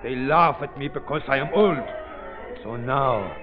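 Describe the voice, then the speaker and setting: A man's voice: mid-range voice, measured pace, natural voice. Man acting a gloating, very old mad scientist. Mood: gloating, sinister. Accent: foreign-accented English. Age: older. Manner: gloating, cackling, broken English. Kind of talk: 1930s radio melodrama acting. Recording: dull old 1930s radio recording, organ music.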